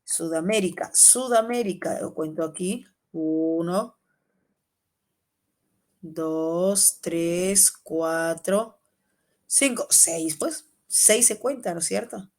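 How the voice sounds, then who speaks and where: A woman with a Peruvian Spanish accent teaching an online exam-prep class, quizzing students by name in a lively way. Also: on the low side, slow. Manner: lively, calls students by name, asks and answers questions.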